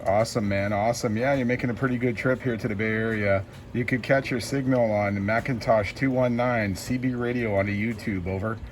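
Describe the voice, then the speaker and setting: A man with a fairly low voice makes CB radio calls, repeating call signs and locations in slow, drawn-out radio lingo. He talks like an operator working the channel for distant contacts. A loud wash of static hiss sits under everything he says. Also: steady tone.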